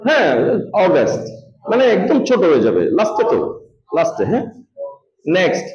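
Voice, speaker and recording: A man's voice: high-pitched, wildly swooping pitch, a little fast, a little mellow. A man from Bangladesh teaching an English pronunciation lesson in a classroom, drilling words aloud and praising his students. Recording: echoey classroom, dull lo-fi sound.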